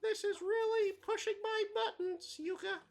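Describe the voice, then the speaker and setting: A man voicing an excitable, bossy female bat sidekick from a video game in a shrill falsetto. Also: normal speed. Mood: brash.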